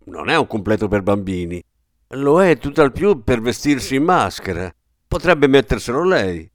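A man's voice: mid-range voice, very animated, normal speed, no echo, studio quality, lightly acted. A man voicing a curious, startled shop clerk who is polite and stammers a little. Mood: objecting.

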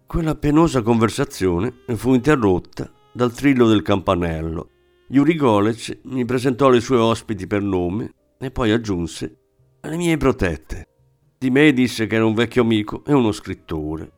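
A male narrator reads a literary novel in a measured, reflective voice. His pitch sits in an ordinary middle range. Faint music hums quietly behind him. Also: lively intonation. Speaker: audiobook narrator.

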